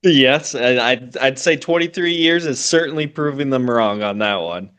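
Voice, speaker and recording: A man's voice: mid-range voice, normal speed, a bit bright, clear, resonant tone. A man hosting a business podcast, asking questions in a friendly, hesitant way with many fillers. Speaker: podcast host. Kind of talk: casual interview hosting.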